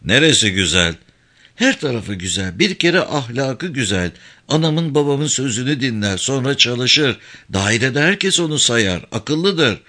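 A man's voice: mid-range voice, very animated, measured pace, bright, forceful tone, heavily acted. A man reading a novel aloud, voicing a bold, outspoken nine-year-old girl with earnest, insistent chatter. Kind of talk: audiobook character reading.

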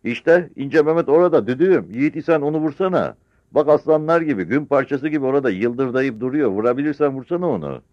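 A very old, stooped war veteran scolds and boasts defiantly in a raised, booming voice, performed by a male narrator. His pitch swings widely, and the dull, lo-fi sound is dry and close. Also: sing-song, a little fast, no room sound. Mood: taunting.

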